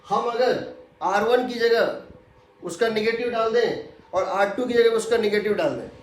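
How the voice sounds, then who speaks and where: A man's voice: high-pitched, animated, measured pace. A man teaching physics in a lecture, explaining step by step and repeating key points. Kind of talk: classroom lecture. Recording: very echoey room.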